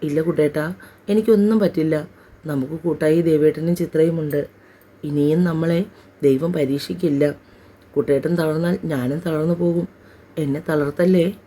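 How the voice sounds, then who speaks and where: A woman narrator voicing a gentle, reassuring expectant young wife in an audio story. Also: deep voice, steady tone, normal speed, pauses often.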